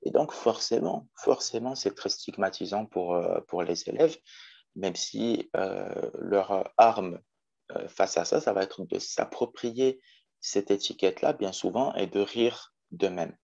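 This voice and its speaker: A man's voice: low-pitched, measured pace, gravelly, darkish tone, lo-fi sound. A man in his twenties from Morocco, a teacher talking as a guest in a casual interview, thoughtful with many hesitations. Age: 20s. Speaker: guest, special education teacher.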